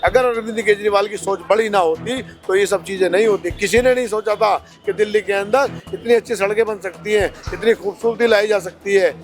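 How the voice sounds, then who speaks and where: A man's voice: high-pitched, brisk, hardly any pauses, faint music behind. A male politician answering interview questions, arguing his party's case with rhetorical questions. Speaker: politician, candidate.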